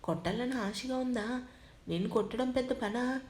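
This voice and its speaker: A woman's voice: on the high side, moderate pace, darkish tone, echoey room, natural voice. A woman voicing a young husband who teases and scolds his wife playfully in a story reading. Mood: mock scolding. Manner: playful teasing. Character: young husband, teasing and protective.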